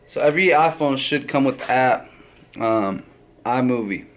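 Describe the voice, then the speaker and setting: A barber with a medium-pitched, animated, slightly bright voice at normal speed gives a casual how-to. He walks through the steps one by one, often tagging his points with "right?"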